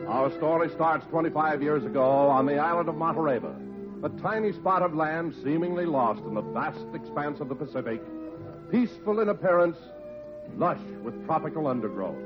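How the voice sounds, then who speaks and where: A man's voice: on the high side, lively intonation, moderate pace, close to an everyday voice. A man in the manner of an old radio announcer, formally narrating a scripted scene in grand descriptive style. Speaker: show announcer. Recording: old muffled radio recording with loud music.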